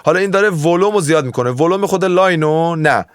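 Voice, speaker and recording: A man's voice: on the high side, no room sound, clean studio sound. A man explaining audio mixing in a casual, chatty tutorial, wandering off into tangents and then waving them away. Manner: chatty, digressive, often waves off his own tangents. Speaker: music producer teaching mixing.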